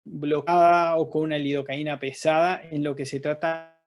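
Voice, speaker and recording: A man who is an anesthesiologist, answering audience questions in a webinar over a video call whose audio keeps cutting out. He speaks in a slow, halting, technical way. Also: fairly high pitch, little pitch movement. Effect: choppy, cutting-out video-call audio.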